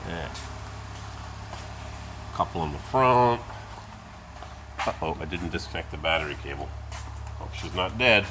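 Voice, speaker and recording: Low-voiced man over clear engine noise. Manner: rambling, offhand asides in short phrases. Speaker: car owner giving a tour of his vehicles. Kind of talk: casual vlog narration. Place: vehicle warehouse. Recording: noisy, car engine idling in warehouse. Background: idling car engine.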